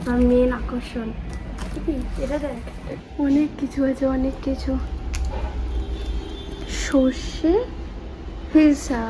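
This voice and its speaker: A woman's voice: high-pitched, fairly even intonation, slow pace, pauses often, echoey room, noisy background. A young woman from Kolkata with a Kolkata Bengali accent, chatting casually to camera in a family vlog, mixing English words into her Bengali. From Kolkata, India. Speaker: vlogger. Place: home rooms and a restaurant.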